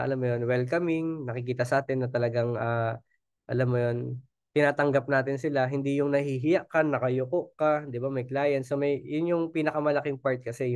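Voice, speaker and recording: A man's voice: medium pitch, darkish tone, clean tone, dry recording, studio quality. A man with a Filipino accent running a casual sales training, chatty and coaxing, always checking in with his listeners. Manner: keeps asking the audience "di ba?", chatty and coaxing. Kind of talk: casual Taglish training talk.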